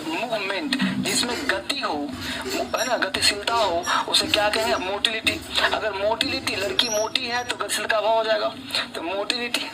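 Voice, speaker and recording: A man's voice: high voice, poor audio. A man teaching English vocabulary with memory tricks, repeating each word and answering his own questions. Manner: repeats words, asks questions and answers them himself.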